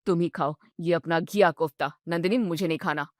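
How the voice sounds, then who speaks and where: Woman doing a low, sulky young husband. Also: brisk, no echo, studio quality, lightly acted. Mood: grumbling. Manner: whiny, complaining. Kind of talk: storybook narration.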